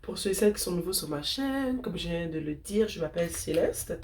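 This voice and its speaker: Congested and nasal, a woman with a fairly low, darkish voice offers tarot readings and spiritual guidance, speaking a little fast and expressively. She sniffles through a blocked nose while addressing viewers in a warm, informal way.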